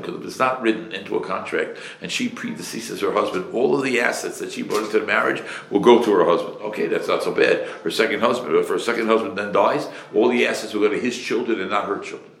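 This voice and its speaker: A fairly low, fairly bright male voice with vocal fry carries this rabbi's Torah lecture, and a little hiss or hum sits under the echoey room sound. Addressing a live audience in sermon form, he speaks emphatically, asks rhetorical questions, repeats phrases, and uses Hebrew and Yiddish terms.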